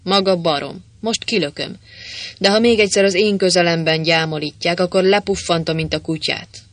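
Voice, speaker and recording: A grim, gray-haired gang boss, voiced by a male narrator. He bellows and grumbles his threats. Every line comes out gruff and loud. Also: high-pitched, no echo.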